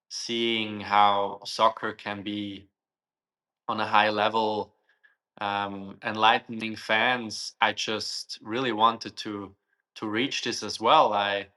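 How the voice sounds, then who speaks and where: A man's voice: lowish voice, pushed and bright. A young man from Switzerland, a guest answering interview questions thoughtfully and searching for his words.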